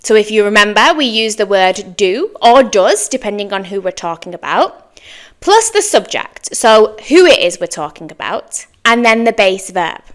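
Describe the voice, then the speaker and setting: A woman's voice: mid-range voice, lively intonation, moderate pace. A woman presenting a scripted English lesson for learners, enunciating carefully and stressing key words in an instructional way.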